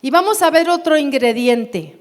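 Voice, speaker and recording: A woman with a Mexican Spanish accent teaching a Bible class in a church, unhurried and often asking her listeners questions. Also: high-pitched, lively intonation. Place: church hall. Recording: long hall reverb.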